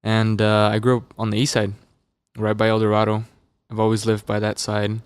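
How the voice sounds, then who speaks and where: A young man from Las Vegas chats casually as a podcast guest, rambling through his stories with plenty of fillers. His voice sits low and smooth, with a fairly flat, even delivery. The dry, close studio mic adds no room sound. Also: normal speed, dry recording. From Las Vegas, USA. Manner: relaxed, loose, filler-heavy storytelling. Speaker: musician guest. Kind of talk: casual interview chat. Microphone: dynamic studio mic.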